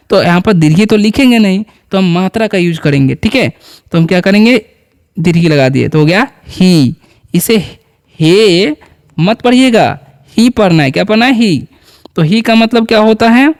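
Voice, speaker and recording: A man teaching a beginner English lesson, patiently repeating each word and quizzing the viewer. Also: high voice. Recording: long hall reverb.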